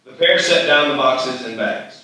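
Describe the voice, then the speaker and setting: At a live festival stage reading, a man narrates the screenplay's directions as scripted narration for the table read. His middling-pitched voice is bright and forceful at a moderate pace, captured by a distant mic in a very echoey hall.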